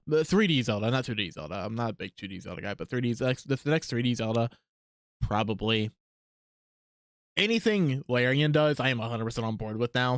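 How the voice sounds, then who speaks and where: A man's voice: medium pitch, fairly bright tone, no echo. A man streaming live while he works on art, talking casually and rambling as he thinks aloud, with lots of ums and likes.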